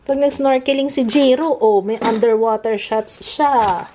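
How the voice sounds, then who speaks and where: A woman with a Filipino accent chatting through an unboxing at home, switching between Tagalog and English, now and then squealing with excitement. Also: on the high side, measured pace. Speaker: vlogger. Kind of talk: casual family vlog, unboxing. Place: home, indoors. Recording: noisy home recording.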